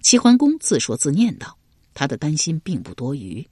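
Lively husky male storyteller. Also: on the high side, normal speed, no room sound, studio quality. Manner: lively dramatic telling with many voiced characters. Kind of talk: historical novel narration.

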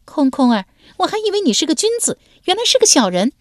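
A woman narrator voicing a playful, sharp-witted young woman in an audiobook, talking high and lively. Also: fairly quick, no echo, clean studio sound. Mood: scornful. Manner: perky and teasing, then sharply scornful. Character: bright, teasing young woman, quick and playful.

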